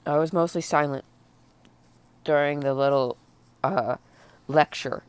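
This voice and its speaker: A woman crying and very upset, venting personally in a blubbering, tearful, halting way. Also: sits low, clear, resonant tone, no echo. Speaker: vlogger. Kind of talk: emotional personal vent to camera.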